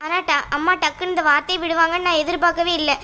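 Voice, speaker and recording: A woman voicing a stubborn, hot-tempered younger sister in a cartoon, sharp and argumentative. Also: very high-pitched, fairly even intonation, fast talker. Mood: defiant. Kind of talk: cartoon voice acting.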